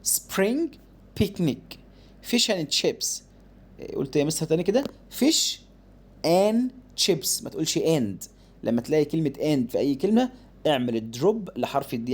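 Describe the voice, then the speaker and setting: Egyptian teacher drilling phonics. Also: male voice, fairly high pitch, animated, mellow, breathy edge. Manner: shifts between rapid explanation and slow drawn-out modeling of words. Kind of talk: phonics lesson, modeling slow then fast reading.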